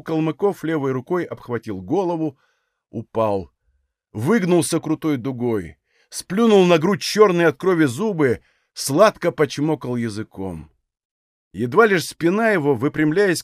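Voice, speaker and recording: Male audiobook narrator, expressive literary reading, lively varied pitch, dry close sound. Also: a little slow, no echo. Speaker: audiobook reader.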